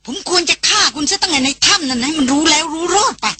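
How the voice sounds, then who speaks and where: A woman's voice: sits high, expressive, fast, over music, voice pushed up. A woman voicing a hot-tempered young officer. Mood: bitter. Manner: angry outbursts, then pleading.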